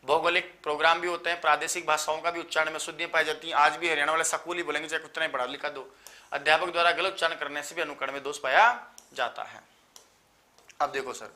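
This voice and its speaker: Bright-voiced tired teacher from Rajasthan. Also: male voice, sits high. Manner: explanatory, lists terms in quick runs, addresses students as sir. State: tired, just woke up. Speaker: online Sanskrit teacher. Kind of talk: live online exam-prep lecture.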